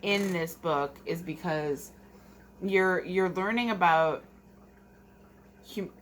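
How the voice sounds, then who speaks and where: A woman co-hosting a casual book discussion, halting as she repeats and rewords her phrases. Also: fairly low pitch. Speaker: book review co-host. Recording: clear background noise.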